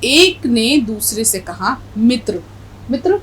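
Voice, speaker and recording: Teacher: woman, measured and precise, spells words out patiently, slightly high voice. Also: expressive, slight background noise, poor audio. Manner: slow, clear, spells out letters deliberately. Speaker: Urdu teacher. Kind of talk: language lesson with story reading.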